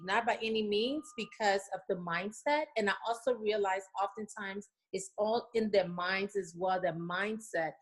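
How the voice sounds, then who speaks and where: A middle-aged woman from Liberia, answering interview questions in an earnest, repetitive way, with many "you know"s. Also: mid-range voice. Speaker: interview guest. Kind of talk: remote interview, casual.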